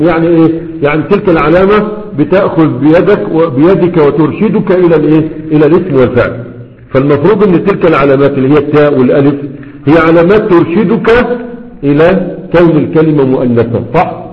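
A man's voice: fairly high pitch, fast. A man teaching a grammar lesson, who asks his students questions and answers them himself. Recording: dull lo-fi with long hall reverb.

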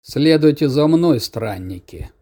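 A man's voice: fairly high pitch, lively intonation, dark tone. A man voicing a sociable she-wolf guide. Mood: brisk. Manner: brisk, outgoing.

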